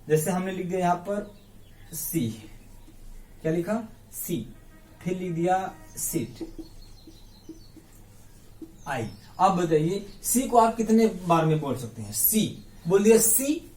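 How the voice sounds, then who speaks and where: A man teaching English grammar in a classroom-style lesson. He breaks words into syllables slowly, repeats them, quizzes his listeners and calls them his brothers. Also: sits high, expressive, darkish tone, recorded from a distance. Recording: echoey room, voice off the mic.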